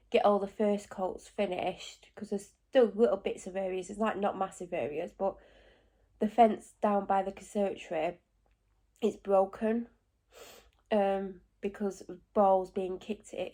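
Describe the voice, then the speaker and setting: A vlogger with a dark, mid-range voice sounds blocked up and congested from a cold. Chatting casually at home, she rambles on with lots of asides and self-corrections.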